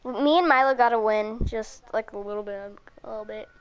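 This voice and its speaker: Excitable gamer, very high voice, lots of outbursts, noisy clicky recording. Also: female voice, a little fast, lo-fi sound. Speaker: gamer live streaming. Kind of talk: casual gaming chat with friends.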